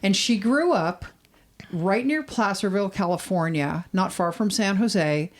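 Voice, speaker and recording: A woman's voice: mid-range voice, measured pace. A woman co-hosting a true-crime podcast, telling stories in a chatty, casual way with fillers. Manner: chatty storyteller, frequent fillers. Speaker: podcast co-host.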